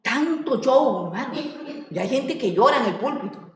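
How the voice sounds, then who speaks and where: A woman teaching a Bible class in a lively way, with mocking asides and laughter. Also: fairly high pitch, moderate pace, recorded from a distance, slight background noise. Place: church classroom. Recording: very echoey room.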